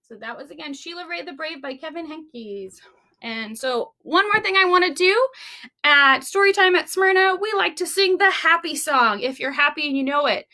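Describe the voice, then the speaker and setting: This is a high-voiced woman running a children's storytime at the library, reading aloud and chatting with expression and care.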